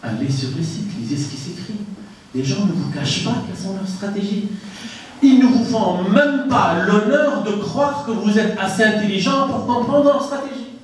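The high voice of a middle-aged man from Tunisia moves at a moderate pace as he gives an emphatic, anecdote-filled conference lecture into a handheld mic, putting rhetorical questions to the audience. It's captured from a distance in an echoey indoor conference room, with slight background noise.

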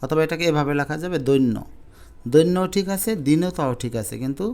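A man teaching a spelling lesson to exam students, explaining slowly and repeating each spelling step. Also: on the high side, darkish tone.

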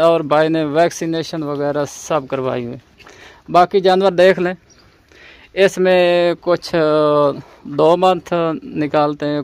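A man's voice: a little high, smooth, no room sound. A Pakistani man presenting cattle for sale to viewers in a persuasive, sales-like manner. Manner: persuasive, addresses viewers as friends. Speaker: livestock channel presenter. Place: outdoors at a farm.

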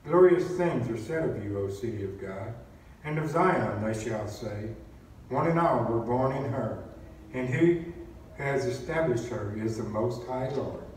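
Lector, male, mid-pitched, measured formal reading; cathedral echo, heard from across the church. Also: lively intonation. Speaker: lector and cantor. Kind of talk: liturgical reading and chanted psalm. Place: large church. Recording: echoey church, distant mic, faint noise.

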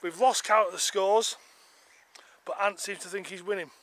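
A man's voice: high voice, fairly even intonation, moderate pace, fairly bright tone. A man in his forties with an English accent, chatting to viewers while filming himself outdoors on a golf course. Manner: chatty, addresses viewers as guys. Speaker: golf vlogger. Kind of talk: casual vlog commentary. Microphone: camera held at arm's length.

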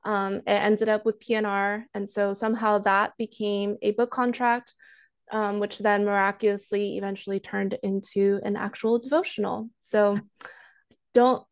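A woman in her thirties chats as an interview guest over a video call, her voice picked up by a small earphone mic at home. She sounds soft-spoken and self-deprecating, hedging with frequent ums and restarting her sentences. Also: medium pitch, level tone, normal speed, clear, resonant tone. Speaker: guest author and counselor. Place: living room at home, indoors. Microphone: earphone headset mic on video call.

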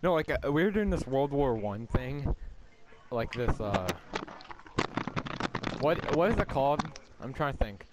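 A man's voice: medium pitch, very animated, measured pace, long pauses. Rambling, jokey man over noisy audio. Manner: rambling and jokey, full of fillers and restarts. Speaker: channel host playing with friends. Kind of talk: casual gaming chat. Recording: noisy recording.

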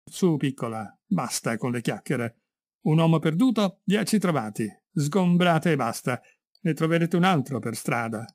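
A man voicing a gruff, mocking male bus conductor who shouts and sneers. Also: on the high side, expressive, unhurried, no echo, studio quality. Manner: shouting, coarse, scornful.

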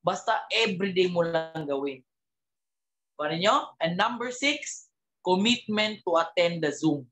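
His voice sits high and his delivery is unhurried as this man gives an energetic pep talk to a business team. English words slip into his speech, and he often poses rhetorical questions to the crowd.

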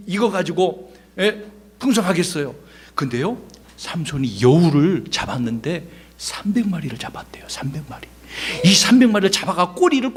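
A middle-aged male pastor giving a children's Sunday school sermon, telling the story with lively questions to the kids. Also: high voice, breathy edge. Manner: animated storytelling, quizzing children.

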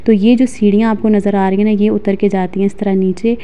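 This is a casual walking vlog by a Pakistani woman in her thirties, reminiscing outdoors in a mountain village with many fillers. Her mid-range voice is level and fairly quick, and the sound is lo-fi from a phone held at arm's length.

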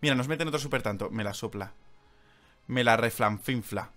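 Streaming live, a young man with a Spain Spanish accent comments on his gameplay fairly quickly over soft background music. His excitement shows as he swings from loud bursts to quiet muttering.

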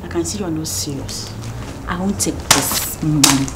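A woman's voice: low-pitched, normal speed. An actress playing a woman who speaks indignant Ghanaian English mixed with Twi. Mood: upset. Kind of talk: comedy drama acting. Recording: distant echoey room with noise.

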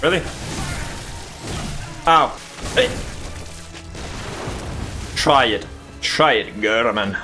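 A young man commenting on a video game he is playing, excitable and jokey, swinging between yelps and mutters. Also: mid-range voice, extremely slow, pauses often, music in the background. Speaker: gaming YouTuber. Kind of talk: let's play commentary.

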